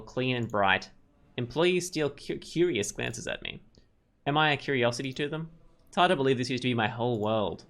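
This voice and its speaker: This let's player mixes reading a visual novel with laid-back, meandering commentary, game music running underneath. His voice is medium-pitched with a fairly bright tone.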